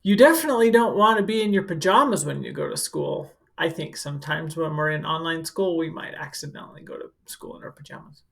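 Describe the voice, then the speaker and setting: With a low, creaky voice, she talks fairly quickly and barely pauses. As a school counselor, she reads a picture book to children and chats through simple, instructive explanations aimed at little ones.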